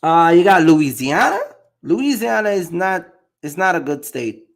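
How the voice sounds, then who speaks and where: A Jamaican box truck driver chats loosely on a livestream in a high-ish, gravelly, very animated voice at a slightly slow pace. His talk is casual, full of fillers and repeated words.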